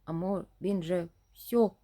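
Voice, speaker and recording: A woman voicing a young man who talks in a pleading, excitable way. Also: fairly low pitch, takes it slowly. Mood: exasperated. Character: scared, bruised young man, the storyteller.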